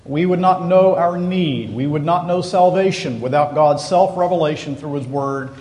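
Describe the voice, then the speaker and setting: A man preaching a sermon, stressing key words by repeating them slowly. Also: a little high, darkish tone. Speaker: pastor. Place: church sanctuary. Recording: echoey church hall.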